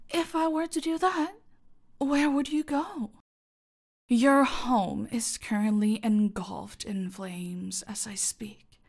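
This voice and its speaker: An actress voices a menacing cartel boss in a roleplay audio drama, making her silky, aristocratic, condescending and deliberate, frequently dropping almost to a whisper. Her voice sits high and is a little mellow.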